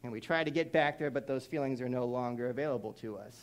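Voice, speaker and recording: Speaking fast in a mid-range voice, a young adult man preaches a sermon in a conversational, animated style. He tells a story and imitates animal sounds along the way.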